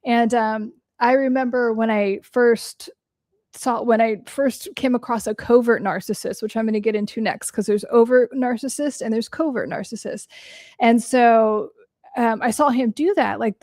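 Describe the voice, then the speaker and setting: A young adult woman hosts a casual livestream as a therapist, answering viewer questions bluntly and swearing freely, her voice cracking a little after a long day of talking. It sits on the high side, gravelly and a little mellow, in clean studio sound with no echo.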